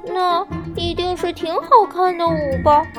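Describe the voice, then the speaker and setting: A woman's voice: very high voice, lively intonation, unhurried, over music, voice pushed up. A woman voicing a curious, polite young girl in a children's storybook reading. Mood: timid. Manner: timid and polite.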